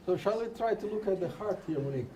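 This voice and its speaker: A man from Brazil, with a Brazilian Portuguese accent, lectures in English at a conference about fetal hearts while running a live scan. His high-sitting voice is expressive and quick, with informal restarts and tag questions, and the poor audio picks up a crowd in the background.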